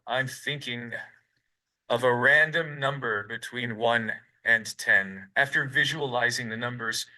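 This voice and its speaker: Bright synthetic robot voice, male. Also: medium pitch, low-quality recording. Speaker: interviewed robot. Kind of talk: stiff scripted answers.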